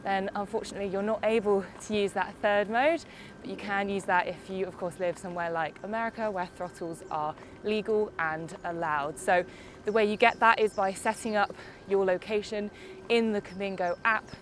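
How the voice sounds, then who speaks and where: Riding an e-bike over roads and hills, a young British woman with a summer cold reviews it on video in a chatty, upbeat way, explaining as she goes. Her congested voice is mid-range and steady at normal speed, with slight background noise.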